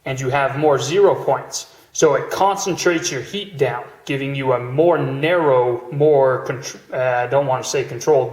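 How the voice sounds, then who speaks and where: A man's voice: medium pitch, reverberant, low-quality recording. A man giving an informal hands-on welding tutorial, explaining each step casually, with machine noise behind him. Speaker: welding instructor. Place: room or workshop beside welding machine. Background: steady welding machine noise.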